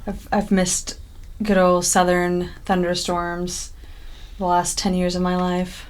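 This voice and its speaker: A young woman co-hosting a relaxed podcast, speaking slowly in a fairly low voice. She keeps things easygoing and steers the talk with open questions. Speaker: co-host. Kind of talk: casual podcast conversation.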